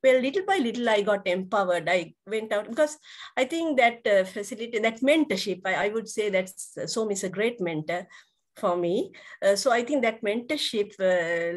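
A woman's voice: a little high, normal speed. A middle-aged woman from Sri Lanka, a guest on a video-call interview, hesitant, with many fillers and restarts. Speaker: guest educator. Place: indoors, virtual background.

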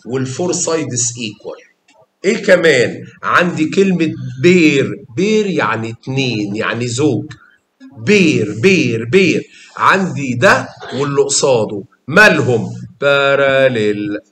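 A man's voice: medium pitch, sing-song, normal speed, fairly bright tone, roomy sound. A man with an Egyptian accent teaching a math lesson, coaxing students with questions and repetition. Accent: Egyptian Arabic. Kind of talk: lively classroom explanation.

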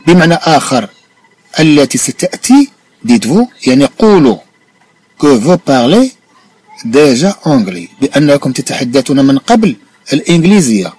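A man with a Moroccan accent teaching a language lesson, reading each phrase slowly and then explaining it and checking that the listener understood. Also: on the high side, very animated, darkish tone, husky. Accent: Moroccan Arabic.

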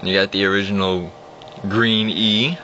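His voice is fairly low and steady, and he's in no hurry as he gives a loose walkthrough of an old computer. The young vlogger explains what he clicks on from his desk at home, wandering off-topic as he goes. A phone aimed at the screen captures dull, lo-fi sound and a hum.

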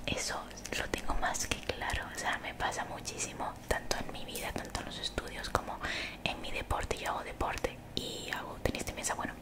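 A young woman gives soothing, motivational ASMR in a breathy whisper very close to the mic, gently repeating phrases. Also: normal speed. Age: young adult. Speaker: ASMR creator. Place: small bedroom, indoors. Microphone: desktop condenser mic, very close.

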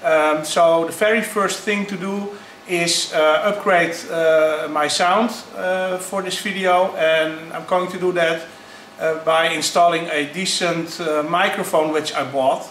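A man talks slowly and haltingly, pausing often as he vlogs. The sound is poor and low quality, captured by a built-in camera mic in an echoey room at home. A faint hiss sits under his slightly high voice. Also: steady tone, a bit bright, far from the mic. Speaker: YouTuber starting a channel. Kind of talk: casual unboxing vlog.

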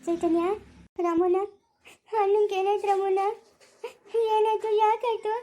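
A woman's voice: very high voice, fairly even intonation, a little slow, warm tone. A woman playing a young woman who pleads, tearful and anxious, for news of her ailing brother, with a rural Chikkaballapura Kannada accent. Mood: tearful pleading. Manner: pleading, tearful, repeating a name. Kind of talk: village family drama acting.

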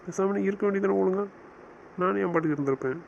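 A man's voice: high voice, racing, vocal fry. Cast a man as a bossy, teasing young husband for an audio romance series, muffled home recording with faint hiss. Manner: teasing, scolding banter.

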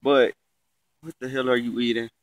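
A young adult vlogger, sick with the sniffles and sounding congested and stuffy-nosed, rambles casually in a slangy, laid-back vlog, swearing freely. His medium-pitched voice is flat and at normal speed, with no room sound. He reclines in a chair outdoors in a yard, filmed on a phone held at arm's length.

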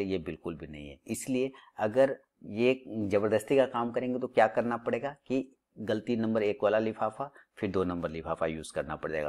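Low-voiced man lecturing with rhetorical questions. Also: a little mellow. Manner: scolding, full of rhetorical questions; repeats phrases for emphasis. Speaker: stock trading educator. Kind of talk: lecturing monologue.

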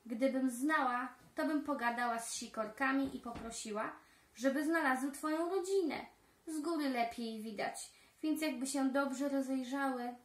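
A woman's voice: high-pitched, moderate pace, lightly acted. A woman doing a curious little storybook girl. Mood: wistful. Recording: roomy echo.

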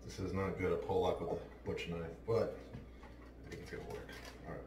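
This man hosts a home cooking show, casually talking through a recipe as he works in a big home kitchen, chatty and offhand. His voice is deep and level, a bit fast, caught by a distant camera mic that later comes near. The background is noisy and the kitchen sounds roomy, so he seems far off.

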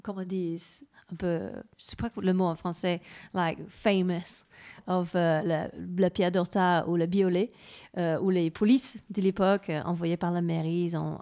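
A woman's voice: on the low side, steady tone, moderate pace, warm tone. A woman from New Zealand hosting a radio interview in French with a New Zealand accent, sometimes searching for words and slipping into English. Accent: New Zealand, speaking French. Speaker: radio host.

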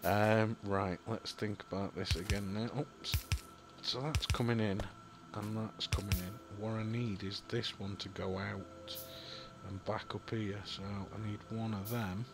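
Casually commentating on a building game, a young man from Yorkshire, England, thinks aloud and rambles, apologizing and saying "um" often as he plays for YouTube. He has a lowish voice with fairly even intonation and a measured pace, and there's background noise.

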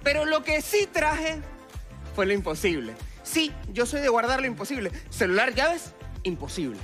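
Extremely high in pitch with big swings, at normal speed and fairly bright, a twenty-something Venezuelan talent show contestant performs theatrical magic patter. He speaks to the judges through a headset mic on a large TV studio theatre stage, music playing under his act.

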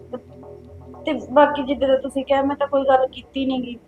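A woman's voice: high voice, little pitch movement, brisk, narrow, tinny audio, soft background music, close to an everyday voice. An actress playing a frightened young woman who pleads with her sister-in-law, with a Punjabi accent. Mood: pleading. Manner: pleading, defensive. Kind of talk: village web-series drama.

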